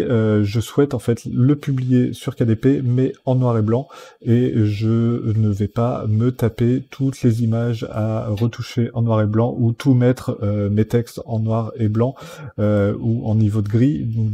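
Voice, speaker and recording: Husky, dark-voiced man walking through software steps. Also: mid-range voice. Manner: step-by-step, many fillers like "donc" and "euh". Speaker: software tutorial host. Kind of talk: screen-recorded software tutorial.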